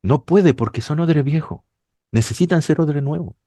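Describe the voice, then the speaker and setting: A man's voice: on the high side, moderate pace, mellow, no echo, studio quality. A man preaching a sermon, explaining a passage to his congregation and rising to emphatic peaks.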